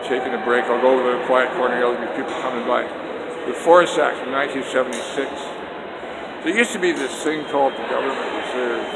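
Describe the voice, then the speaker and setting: An older Canadian vlogger rants loudly and indignantly about politics in a rambling vlog, filming on a phone held out on a selfie stick. He talks quickly with a creaky, middle-pitched voice that rings through an echoey hallway, with a long reverb tail and steady noise, after he moves from outdoors to the indoor stairs and hallway.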